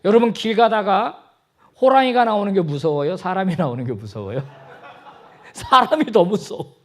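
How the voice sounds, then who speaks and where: Male pastor, sermon delivery; higher voice with wide swings, playful, acts out dialogue. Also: moderate pace. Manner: animated, jokey, acts out dialogue. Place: church sanctuary.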